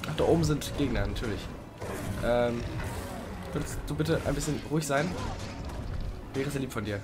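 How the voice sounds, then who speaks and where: A young man doing casual let's play commentary, chatting to the game creature and sometimes swearing loudly. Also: mid-range voice, moderate pace, over music.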